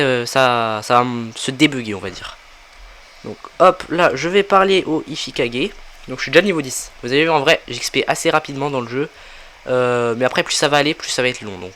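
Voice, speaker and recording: A man's voice: mid-range voice, pushed and bright, a little hiss or hum. A young man giving a casual game walkthrough, thinking aloud with lots of fillers as he plays. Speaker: gaming tutorial creator.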